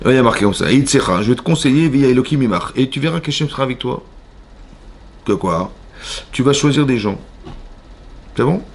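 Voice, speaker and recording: A man with a French accent, a rabbi giving an animated Torah class in a synagogue, questioning his listeners and acting out voices. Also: medium pitch, brisk, pauses often, breathy edge. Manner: animated, asks the audience questions, acts out voices. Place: synagogue hall.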